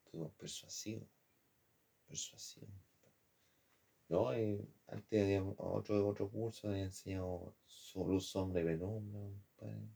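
A man's voice: on the low side, little pitch movement, a little slow, creaky, mellow, breathy edge. A man with a Chilean accent telling a personal story from his design studies in a rambling, slangy way, often calling the listener "compadre". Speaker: former design student.

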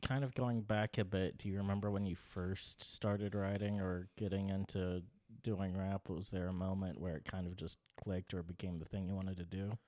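A man's voice: low-pitched, flat delivery, moderate pace, hardly any pauses, darkish tone. A man hosting a podcast, reading the intro and asking easygoing, conversational questions. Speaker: podcast host.

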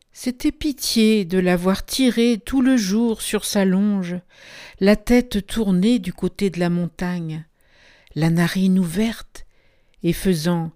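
A woman reading a classic story aloud, taking her time over every phrase. Her delivery is measured and expressive, pitched in a comfortable middle range. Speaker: narrator.

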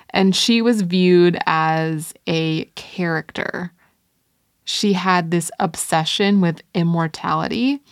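Strange tales come from this podcast co-host, a woman who keeps things casual and playful, breaking into laughter between lines. Her pitch is fairly low, and the studio sound is clean without echo.

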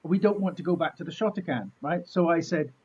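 A middle-aged man from chats through his anecdotes on a muffled recording. His voice is high for a man and rough-edged, and he tells things jokingly, at his own expense, acting out remarks as he goes. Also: brisk, a little mellow. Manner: jokey, self-deprecating, mildly sweary, acts out remarks. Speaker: martial artist being interviewed. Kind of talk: animated anecdotal storytelling in casual chat.

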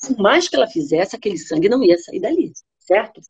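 Husky woman telling a fairy tale. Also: medium pitch, fairly quick, lo-fi sound. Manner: animated, lively storytelling. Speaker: storyteller and co-host. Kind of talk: fairy tale retelling and discussion.

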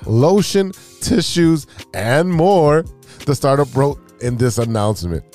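A man's voice: mid-range voice, expressive, takes it slowly, a little mellow, soft background music. Laughing male podcast co-host. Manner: reads news then breaks into laughter and banter. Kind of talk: casual comedic podcast banter.

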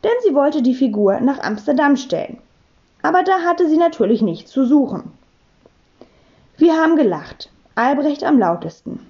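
A woman narrating a children's book in a playful, expressive way. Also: sits high, normal speed, dull audio. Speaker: audiobook narrator. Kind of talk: lively children's audiobook reading.

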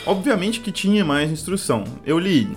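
A man's voice: sits high, expressive, normal speed, faint music behind. A young man telling a funny story from his school days in a slangy, profane, rambling way. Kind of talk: casual comedic story-time.

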